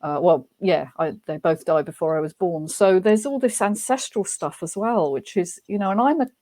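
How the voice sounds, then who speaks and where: A woman, a guest author speaking thoughtfully in a relaxed interview, often pausing and restarting her sentences. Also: lowish voice. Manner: thoughtful, hesitant, many restarts. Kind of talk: casual interview chat.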